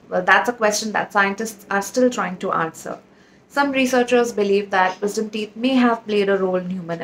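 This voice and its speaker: Woman, dental educator host, scripted narration, sleepy voice, playful puns, mid pitch. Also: fairly bright tone, a little hiss or hum, low-quality recording. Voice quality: upbeat, playful, punny delivery. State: sleepy-voiced early in the morning.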